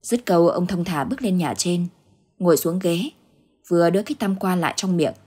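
A woman narrating a ghost story in a steady, measured way. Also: on the low side, breathy edge.

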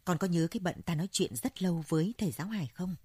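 A woman voicing an elderly male Buddhist monk who speaks in a calm, measured way. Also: lowish voice, breathy edge, no echo. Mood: reminiscing.

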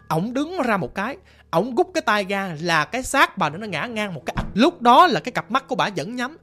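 A narrator with a Southern Vietnamese accent telling a ghost story in folksy speech, swinging from loud exclaiming to hushed low passages.

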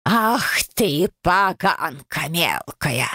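A woman voicing a grumpy old woman's ghost who scolds her relatives with slow, rasping scorn. The voice sounds dry and close. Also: sits low, animated, sharp tone, no room sound, heavily acted. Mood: furious.

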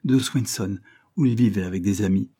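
A man's voice: on the low side, fairly quick, dark tone, lightly acted. A man voicing a passionate young woman in an audiobook, given to pleading, sobbing outbursts. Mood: guarded.

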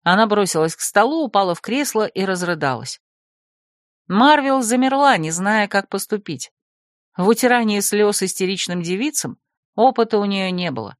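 A woman narrates a fantasy novel in a steady, measured voice at a middle pitch. The sound is dry and close, with no room echo. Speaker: audiobook narrator. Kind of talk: scripted narration.

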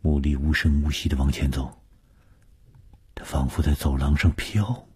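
A man narrating a scripted ghost story with a measured, suspenseful delivery. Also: a bass voice, darkish tone, husky.

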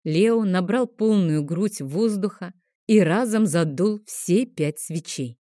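A woman with a low, warm voice reads a first-person story aloud, gentle and expressive. The sound is close and dry, with no room around it. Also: slow pace, no echo. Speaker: audiobook narrator. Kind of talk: first-person audiobook narration.

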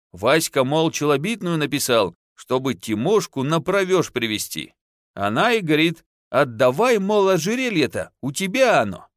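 Shrewish peasant wife for a storybook, played by a man, raised high, wailing and scolding with a dry close sound. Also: dry recording.

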